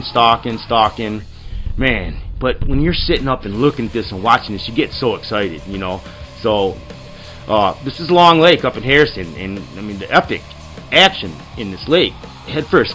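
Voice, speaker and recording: A man narrates underwater fishing clips as the host of his own show, in a casual, rambling voice-over. He gets excitable as the action comes, leaning on fillers and restarts. Soft guitar music plays faintly underneath. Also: medium pitch. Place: studio voice-over, not the pictured lake.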